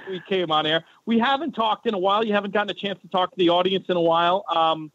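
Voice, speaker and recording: A man's voice: high-pitched, quick pace, fairly bright tone, slight background noise. A man hosting a podcast in casual, rambling chat, recorded through a cell phone held to his head so he sounds tinny. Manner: chatty, rambling. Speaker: podcast host. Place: home in a city neighborhood.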